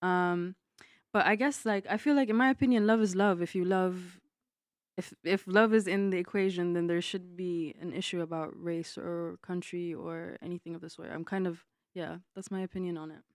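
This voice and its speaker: A woman's voice: fairly low pitch, fairly even intonation, normal speed, no echo, clean studio sound. A woman in her thirties from Kuwait, a guest on a podcast panel, who talks hesitantly with many ums and likes. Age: 30s. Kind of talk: casual panel discussion.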